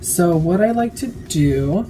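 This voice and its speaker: A woman's voice: lowish voice, expressive, slow pace, warm tone, slight background noise, poor audio. A woman giving a casual, chatty makeup tutorial while tipsy, rambling drunkenly and swearing freely.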